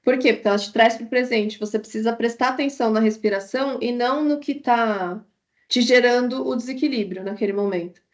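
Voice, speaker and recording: A woman, an instructor giving an online course lecture in an animated way. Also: on the high side, brisk, highs cut off. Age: adult with a child. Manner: animated, acts out inner thoughts in quoted asides.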